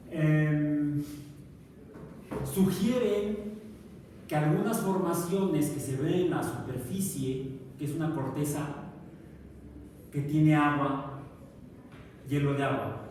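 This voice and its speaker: A man's voice: fairly high pitch, darkish tone. A male science professor giving a classroom lecture, stopping often to put questions to his students. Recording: echoey classroom from far off, noisy.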